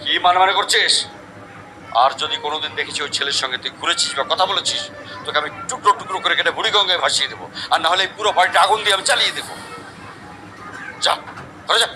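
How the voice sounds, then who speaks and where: A man's voice: a little high, fast, pauses often, noisy background, natural voice. An actor playing an angry middle-aged father who scolds and threatens, over background music. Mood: furious. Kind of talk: comic drama acting.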